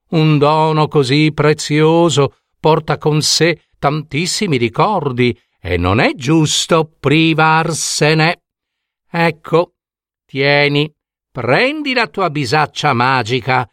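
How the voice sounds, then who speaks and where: A man voicing a cunning, mocking noblewoman thief in a storybook reading, in a high taunting put-on voice. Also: takes it slowly, a bit bright, clean tone, dry recording, clean studio sound. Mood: sweet.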